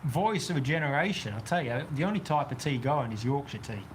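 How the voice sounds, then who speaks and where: Reading out comments during a casual live chat, a New Zealand man rambles on from an outdoor weather shelter on a golf course. He speaks at medium pitch, animated and slightly quick, and a little hiss or hum sits under the recording.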